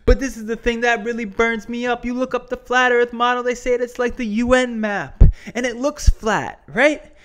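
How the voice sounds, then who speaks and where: A man's voice: very high-pitched, fairly even intonation, normal speed, few pauses, fairly bright tone, clear, resonant tone, voice pushed up. A man putting on an indignant, taunting wrestler, delivering a science lecture as a theatrical, confrontational wrestling promo. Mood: outraged. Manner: theatrical, emphatic, confrontational, with slangy rhetorical questions. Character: indignant, taunting male wrestler cutting a promo against flat earthers. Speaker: geography teacher.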